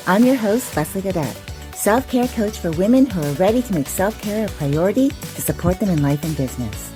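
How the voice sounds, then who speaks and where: A woman who is a self-care coach hosts a podcast interview, starting with a scripted introduction before chatting enthusiastically and gushingly with her guest. Her medium-pitched voice is warm and expressive, and she speaks fairly quickly over soft background music.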